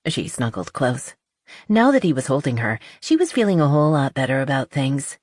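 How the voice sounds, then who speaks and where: Low breathy lady reading a story, no room echo, steady narration. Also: normal speed, studio quality. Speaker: audiobook narrator. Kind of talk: scripted narration.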